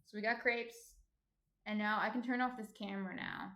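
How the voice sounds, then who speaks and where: A woman's voice: mid-range voice, fairly even intonation, normal speed, bright, forceful tone. A woman from New Jersey hosting a cooking livestream in casual, chatty speech. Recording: echoey room.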